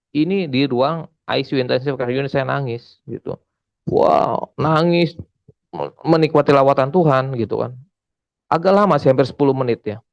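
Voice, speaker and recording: Man, preacher, gravelly voice, dry muffled sound, conversational testimony. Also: medium pitch, darkish tone, no echo. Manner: conversational, addresses listeners as saudara, emphatic repetition. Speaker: evangelist preacher. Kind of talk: sermon testimony.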